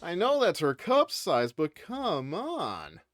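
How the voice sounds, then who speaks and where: Casting: male game streamer, lively intonation, casual, meandering, hesitant chat. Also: a little high, slow. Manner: rambling, hesitant, conversational. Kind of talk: casual live commentary and chat.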